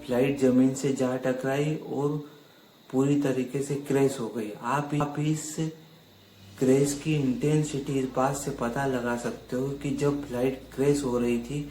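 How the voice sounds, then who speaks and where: A man's voice: mid-range voice, warm tone, a little hiss or hum. Chatty man telling a ghost story. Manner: chatty, addresses listeners as friends. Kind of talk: casual spoken storytelling. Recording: echoey room with faint music.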